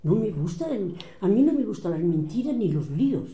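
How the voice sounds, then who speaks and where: An older woman with a Catalan accent tells family stories aloud as a relative recounting family history, acting out the voices of the people she quotes. Her mid-range voice is sing-song and dark-toned at normal speed, in a reverberant space.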